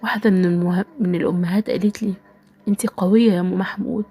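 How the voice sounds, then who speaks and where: A woman with an Egyptian Arabic accent telling a first-person dramatic story in a soft, sorrowful, often half-whispered way. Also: mid-range voice, fairly even intonation, racing, husky.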